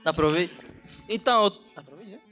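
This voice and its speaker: A young man tells a story in a casual podcast chat. His voice sits very high and the words come out fast. He sounds nervous and laughs as he goes, and faint music plays behind him. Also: bright, forceful tone. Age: young adult. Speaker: guest sharing a story.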